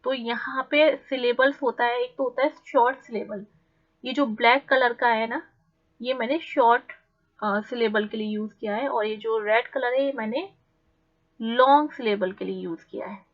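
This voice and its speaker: A young woman teaching an exam-prep literature lesson in a mix of Hindi and English, explaining step by step and slowing down to read English definitions. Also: fairly high pitch, muffled recording. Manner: explains patiently, slows right down when reading English definitions.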